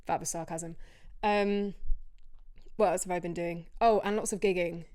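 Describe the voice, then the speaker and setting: A young woman chats into her podcast microphone in a loose, rambling way, often poking fun at herself. Her voice sits a little low and sounds smooth and clear. She is tired from a short night's sleep. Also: steady tone, normal speed, a little mellow. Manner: chatty, rambling, self-deprecating. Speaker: podcast host. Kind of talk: casual solo podcast chat.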